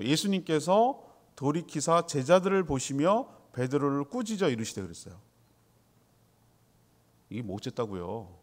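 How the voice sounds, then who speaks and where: A male pastor delivering a sermon in a lively, conversational style, tossing rhetorical questions to his listeners and answering them himself. His voice sits a little high for a man and swings widely in pitch as he makes his points.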